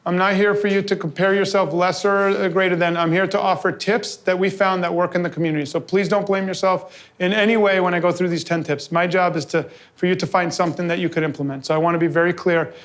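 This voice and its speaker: A man from New York with a fairly high voice talks to a live audience. His pace is quick and animated, and he runs from stories into practical tips with lots of asides. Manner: fast, animated storytelling with quick asides and quoted dialogue. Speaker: convention founder giving a presentation. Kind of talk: energetic live talk to an audience. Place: office event space with a live audience.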